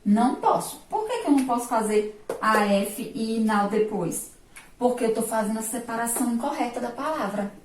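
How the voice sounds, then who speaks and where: A woman with a Brazilian Portuguese accent teaching a remote class, asking her pupils questions and answering them herself, sounding out syllables slowly and loudly. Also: fairly high pitch, lively intonation, far from the mic, slight background noise. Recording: roomy echo, voice from off mic.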